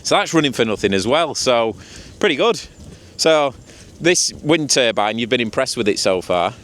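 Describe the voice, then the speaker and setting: A man's voice: mid-range voice, very animated, normal speed, fairly bright tone. A man with a Lancashire accent chatting casually and colloquially as the host of a trade vlog. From Lancashire, England. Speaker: channel host and heat pump installer.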